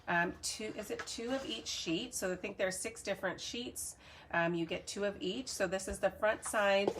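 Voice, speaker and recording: A chatty, upbeat woman running a live cardmaking demonstration. Her voice sits at an ordinary middle pitch, and she talks to her viewers in a relaxed, friendly way. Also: a little hiss or hum. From Canada. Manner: chatty, upbeat, reads viewer comments aloud. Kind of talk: casual live tutorial.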